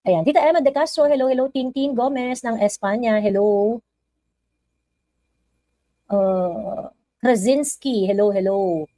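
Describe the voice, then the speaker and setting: A woman's voice: on the high side, a little slow, pauses often, dark tone, no room sound, rough recording. Chatty Filipino woman livestream host. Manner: chatty, code-switching, reads viewer comments aloud. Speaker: live stream host. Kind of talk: casual live chat greeting viewers.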